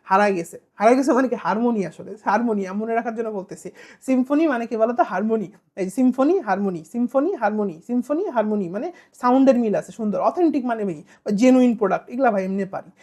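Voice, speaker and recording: Quick and expressive, with a fairly high pitch and a darkish tone, this woman with a Bangladeshi Bengali accent runs an exam-prep vocabulary lesson, testing the listener through playful repetition and memory tricks.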